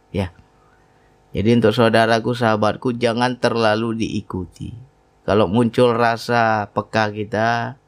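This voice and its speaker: A middle-aged man giving a casual religious talk, telling stories from his own life and acting out his wife's replies. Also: on the low side. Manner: storytelling, acts out wife's voice, frequent "ya kan?". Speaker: spiritual teacher.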